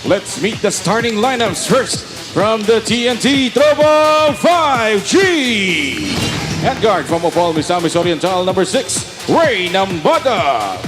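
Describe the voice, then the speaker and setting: A man announcing starting lineups like an echoing stadium announcer, booming and stretching out names. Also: sing-song, slow pace, music in the background. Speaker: arena announcer.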